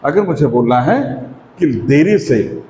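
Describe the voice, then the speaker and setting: A man with an Indian accent teaching a spoken English lesson, explaining step by step and often asking if it is clear. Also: a little high, very animated, slow, mellow, slight background noise. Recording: echoey room with long reverb.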